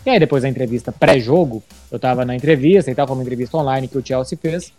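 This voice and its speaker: A man's voice: mid-range voice, quick pace, mellow, faint music behind. A man with a Brazilian accent hosting an informal football podcast and telling anecdotes. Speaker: sports podcast host and journalist.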